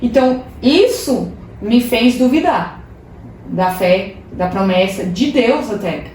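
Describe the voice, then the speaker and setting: Animated young woman telling her story. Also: a little high, slow. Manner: animated, laughing, self-deprecating storyteller. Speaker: podcast guest. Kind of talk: casual testimony storytelling. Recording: roomy echo, distant mic, faint hiss.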